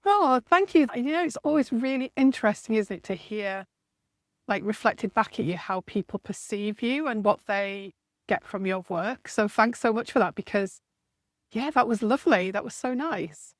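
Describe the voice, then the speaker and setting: A woman's voice: on the high side, normal speed, no room sound, studio quality. A woman with a northern English accent, a coach chatting as a podcast guest and asking rhetorical tag questions. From northeast England. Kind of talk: casual chat.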